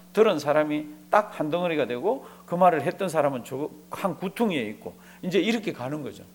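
A man's voice: sits high, husky. A man preaching a sermon as a pastor, asking the congregation rhetorical questions and acting out bits of dialogue as he tells a story.

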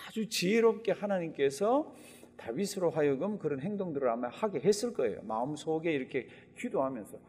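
A man preaching a sermon as a pastor, speaking animatedly and acting out quoted lines with sudden loud outbursts. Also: a little high, expressive, fairly quick. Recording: long reverb of a large hall.

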